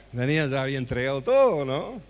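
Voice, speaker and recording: A man's voice: mid-range voice, slight background noise. A man in his forties, an Argentine pastor, preaching a sermon as a personal story with frequent asides to the congregation. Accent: Argentine Spanish. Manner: conversational, tells a story with many asides to the congregation. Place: church hall.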